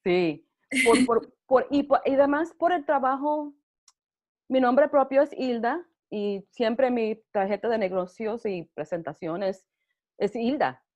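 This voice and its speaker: A middle-aged woman from Puerto Rico, speaking with a Puerto Rican Spanish accent, is interviewed and chats casually about her life, laughing often. Her voice is a little high with a darkish tone, and she is unhurried. The audio is dull and lo-fi.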